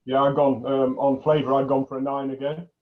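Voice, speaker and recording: A cheese judge with a mid-range voice and level tone talks a little fast in a casual tasting commentary, chatty and knowledgeable with an occasional joke. The audio is narrow and tinny.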